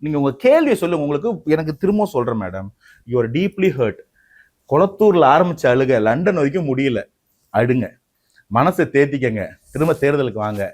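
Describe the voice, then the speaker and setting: A man's voice: a little high, big pitch swings, normal speed, a little mellow. Combative man, mocking tone. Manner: combative, mocking, talks over the interviewer. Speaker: party spokesman. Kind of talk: heated debate interview.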